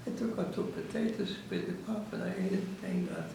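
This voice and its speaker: Older gravelly Ukrainian-accented man telling stories. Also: high-pitched, fairly quick, noisy background. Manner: animated storyteller in broken English, acting out dialogue. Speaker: interviewee, Holocaust survivor. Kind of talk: telling a life story in an interview. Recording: echoey room, voice from far off.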